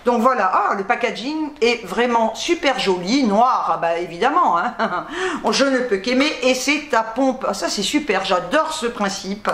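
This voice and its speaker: A woman hosting a casual haul vlog, rambling fast and reading product labels aloud, tripping over her words. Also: fairly high pitch, animated, fairly bright tone, slight background noise. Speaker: YouTube host. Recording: echoey room.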